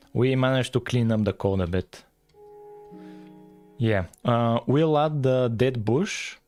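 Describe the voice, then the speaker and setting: A male streamer and game developer from Bulgaria thinks aloud while coding live, speaking casually with a Bulgarian accent. His pitch is medium and his tone slightly mellow.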